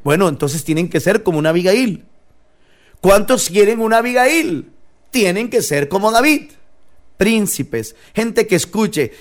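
A man preaching a sermon to his congregation, lively and playful, asking them questions and reading scripture aloud. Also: sits high, measured pace. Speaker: pastor. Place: church service.

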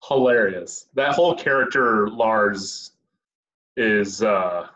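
A man's voice: lowish voice, slow, fairly bright tone. A man as a podcast guest, chatting casually about a movie and animatedly acting out quotes. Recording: dull lo-fi sound.

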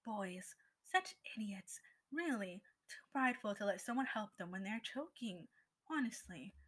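A brisk young woman who scolds and sounds exasperated, read aloud by a woman narrator. The tone is bright and fairly high. It is a storybook reading. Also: expressive, low-quality recording.

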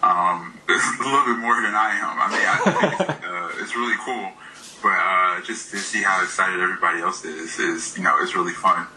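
A Michigan indie game developer in his thirties talks casually in an interview, hesitating often, laughing and using many fillers. His low-pitched voice is slightly worn and moves at a moderate pace, with background noise present.

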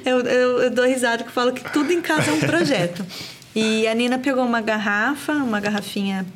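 A woman, telling a story about parenting in a lively, expressive, casual way. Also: fairly high pitch, a little fast, slight background noise. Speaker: mother sharing parenting story. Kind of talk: casual conversation.

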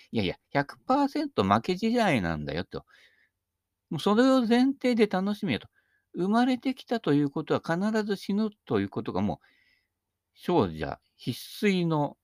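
Older man missing front teeth, animated pitch swings. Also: no echo, studio quality. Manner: rambling, chatty, self-deprecating humor, frequent tag particles. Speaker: speaker giving talks on Buddhist sayings. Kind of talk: casual humorous monologue with commentary.

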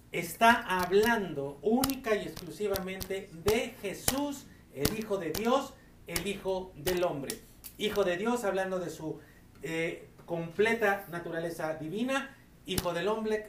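A pastor preaches to a congregation, slowing down to stress each Bible verse and throwing out rhetorical questions. The voice sounds set back from the microphone in an echoing church hall. A faint ambience sits underneath. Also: mid-range voice, recorded from a distance, slight background noise. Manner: reads verses slowly with emphasis and poses rhetorical questions. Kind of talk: Bible-teaching sermon.

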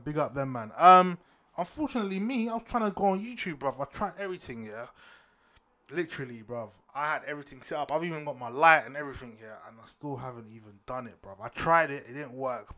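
Slangy London roadman podcast host. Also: medium pitch. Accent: London roadman, urban British slang. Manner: slangy, repetitive shout-outs and addresses to listeners. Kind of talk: casual solo sports podcast chat.

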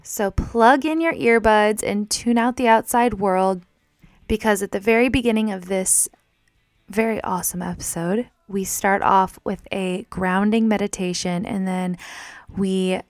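Effusive woman hosting, creaky, close and dry. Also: mid-range voice, unhurried, no room sound. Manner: effusive, informal. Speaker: podcast host. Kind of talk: podcast intro and casual chat.

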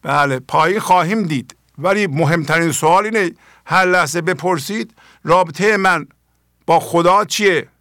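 A man's voice: a little high, pushed and bright, no room sound, studio quality. An older man, a spiritual teacher hosting his own program, giving an earnest talk on poetry and asking his listeners many pointed questions.

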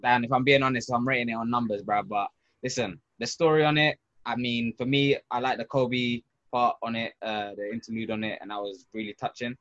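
Roadman bloke co-hosting a podcast, sharp bright voice, slangy, says stuff twice for emphasis. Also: medium pitch, fairly even intonation, fairly quick, dull audio. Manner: slangy, emphatic, repeats phrases. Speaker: podcast co-host. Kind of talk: casual album review chat.

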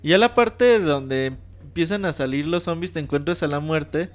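A man's voice: fairly high pitch, normal speed. A man with a Mexican Spanish accent hosting a casual podcast chat, talking in slang and acting out bits of dialogue as he retells game scenes. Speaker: podcast host.

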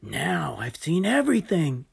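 Storybook hippo, young anxious male, read by a woman, worried doubtful tone, slow husky delivery. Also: deep voice, huge pitch swings, exaggerated voice.

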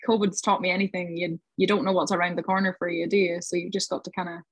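A woman with a Highland Scottish accent, chatting informally as a podcast guest in a casual interview. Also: flat delivery, quick pace, husky, dry recording.

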